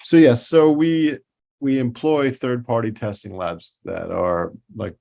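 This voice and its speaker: A man's voice: medium pitch, fairly even intonation, unhurried, vocal fry, warm tone. A middle-aged man with a New York accent, talking as a toy-designer guest in a casual podcast interview, rambling with many restarts.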